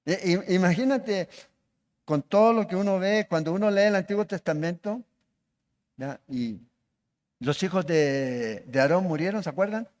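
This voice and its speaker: A man's voice: high-pitched, animated, normal speed, darkish tone. A man preaching a sermon as pastor, asking the congregation questions as he goes. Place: church hall. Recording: long reverb of a church hall.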